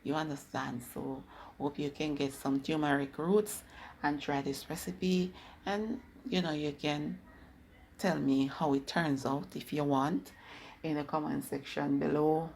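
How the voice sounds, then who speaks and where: Jamaican woman, cooking vlog host, chatty instructive delivery, deep voice, faint room ambience behind. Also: steady tone, unhurried, vocal fry, darkish tone, slight background noise. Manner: chatty, instructive, slips into patois. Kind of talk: casual cooking video narration.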